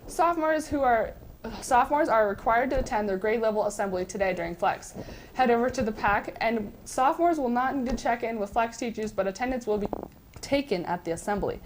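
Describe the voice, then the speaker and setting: A woman's voice: fairly high pitch, brisk, poor audio. A teenage young woman anchoring scripted school news announcements. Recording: faint background noise.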